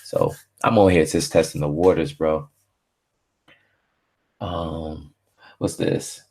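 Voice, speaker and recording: A man with a very low, deep voice hosting a casual live stream from home. Born in Barbados, he talks in a laid-back, slangy way, leaning on filler phrases as he rambles. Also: fairly even intonation, slow pace, a little mellow.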